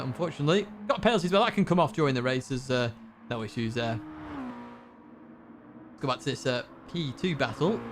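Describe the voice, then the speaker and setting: Lively excitable male racing commentator. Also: fairly high pitch, slight background noise. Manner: excitable, chatty, laughs along. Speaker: race commentator. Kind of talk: live sim racing commentary.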